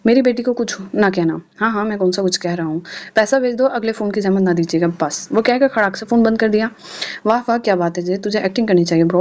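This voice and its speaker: A woman's voice: mid-range voice, a little mellow, highs cut off. A woman narrating an audio novel, reading each character's lines in her own voice. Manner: reads all characters' dialogue in her own voice.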